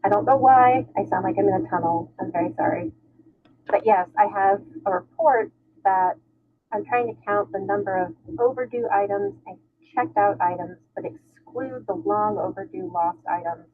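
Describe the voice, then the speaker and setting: A woman's voice: medium pitch, normal speed. A woman on an online meeting, explaining her question step by step with a slightly apologetic manner, her voice sounding muffled and tunnel-like through a poor microphone. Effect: muffled tunnel-like sound from a bad microphone. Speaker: library staff member asking a question. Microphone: poor computer microphone on a video call. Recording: tinny, muffled call audio with faint noise.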